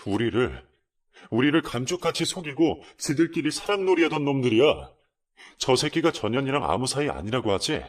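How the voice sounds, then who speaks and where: A man voicing an enraged adult son who shouts and curses, his voice set back from the mic. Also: on the high side, huge pitch swings, measured pace, pitched above the performer's own voice, exaggerated voice. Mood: frantic. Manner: furious, shouting insults.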